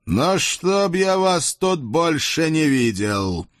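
A man's voice: on the high side, sing-song, takes it slowly, pitched above the performer's own voice. A man voicing a stern Cossack warrior who speaks in short, firm lines. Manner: curt, firm.

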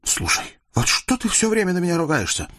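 A man's voice: high voice, wildly swooping pitch, a little fast, fairly bright tone, no room sound, clean studio sound, voice pushed up, heavily acted. A man doing a proud hot-headed young horseman. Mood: earnest. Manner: boastful, indignant. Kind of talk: storybook reading with voices.

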